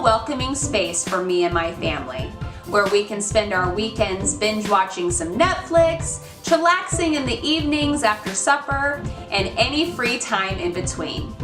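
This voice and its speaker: A woman hosting a renovation show, narrating a scripted vlog in a chatty, gushing, upbeat way with folksy slang. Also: mid-range voice. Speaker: host of a home renovation show. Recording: roomy, distant, faint hiss.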